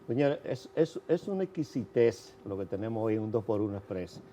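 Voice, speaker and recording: A man's voice: lowish voice, lively intonation, a little fast, mellow. A man with a Caribbean Spanish accent from the Dominican Republic hosts casually, often repeating words as he builds his phrases. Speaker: host. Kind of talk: casual show hosting.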